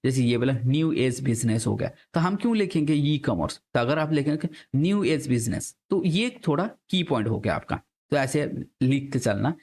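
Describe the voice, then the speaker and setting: A man's voice: mid-range voice, lively intonation, normal speed, few pauses, darkish tone. A young man teaching an exam-prep class in a chatty lecture style, switching into English terms and throwing rhetorical questions at his students.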